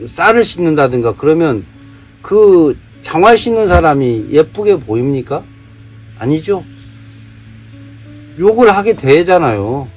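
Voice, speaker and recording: A man from Jeolla giving a heated monologue, firing off rhetorical questions. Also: fairly high pitch. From Jeolla, South Korea. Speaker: vlogger. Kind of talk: casual monologue, day-drinking rant.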